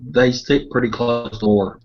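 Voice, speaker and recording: A man heard over a dull, lo-fi call line that cuts in and out. His voice sits at an ordinary middle pitch, and he chats casually in short agreeing replies. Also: fairly even intonation, moderate pace, a little mellow. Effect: heard over a remote call line that breaks up. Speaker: guest film reviewer. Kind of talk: casual chat.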